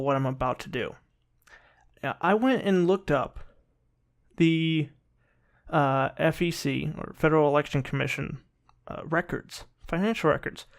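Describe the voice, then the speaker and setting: Guy doing casual political commentary, kinda higher voice, rambles and restarts a lot, bit sarcastic. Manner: rambling, halting delivery with repeated false starts. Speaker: political commentary video host.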